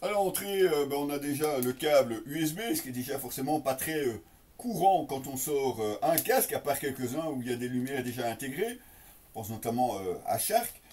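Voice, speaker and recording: A product reviewer and presenter walks viewers through an unboxing in a casual, off-the-cuff, somewhat hesitant manner, talking right to them. His mid-range voice is expressive and darkish, at a moderate pace, and the mic is far away.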